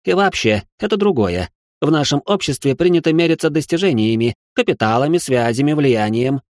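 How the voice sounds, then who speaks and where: A man's voice: expressive, a little fast, no echo, studio quality, lightly acted. A man voicing a prissy young male aristocrat who is easily shocked and talks in a whiny, exasperated way, in a comic storybook reading. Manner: whiny, exasperated, high strained voice.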